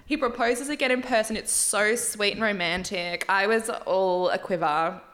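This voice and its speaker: A woman's voice: medium pitch, normal speed, a bit bright. A young woman hosting a podcast in a casual, candid chat, tired, swearing freely and laughing often. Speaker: podcast host recapping a dating show. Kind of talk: casual chatty recap.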